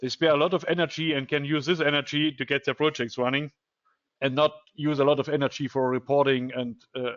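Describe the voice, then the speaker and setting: A man's voice: a little high, brisk. Man explaining his work. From Germany. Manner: steady, explanatory, with small restarts. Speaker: guest speaker, project management director. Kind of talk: answering interview questions. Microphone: video call. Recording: dull, lo-fi video call audio.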